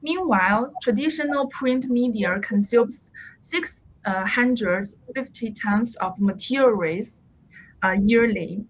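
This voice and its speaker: A woman professor with a Chinese accent, giving an academic presentation in halting English over a video call. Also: rough recording. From China. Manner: halting, many uh pauses. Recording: faint noise with low rumble.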